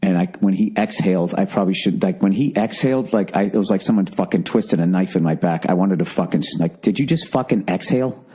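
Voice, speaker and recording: A man's voice: low-pitched, fast, few pauses, warm tone, slightly rough. A middle-aged American man hosting a podcast alone, delivering a profane, exasperated comedy rant. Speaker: podcast host. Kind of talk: solo ranting comedy monologue.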